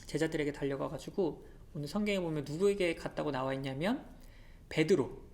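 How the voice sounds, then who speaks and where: A woman teacher telling a Bible story to children in an animated, expressive way, often asking them questions. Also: deep voice, fairly quick, a little hiss or hum.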